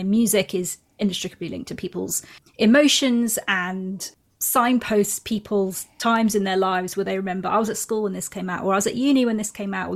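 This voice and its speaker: A woman answers interview questions in a chatty, rambling way, acting out her own thoughts as she goes. Her voice sits at a middle pitch with noticeable gravelly fry. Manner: chatty, quick asides and quoted thoughts. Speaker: podcast guest, former entertainment journalist.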